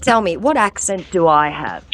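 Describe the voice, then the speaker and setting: On the low side but very animated, a woman's fairly bright voice moves at a moderate pace over slight background noise. She is a scam-baiting vlogger with an ear infection who confronts a phone scammer sarcastically, then chats to her audience.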